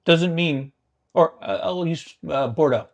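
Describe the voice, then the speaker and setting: A man's voice: on the high side, animated, unhurried. A middle-aged man co-hosting a casual podcast. He talks in an easygoing way and steers the talk with prompts. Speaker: co-host.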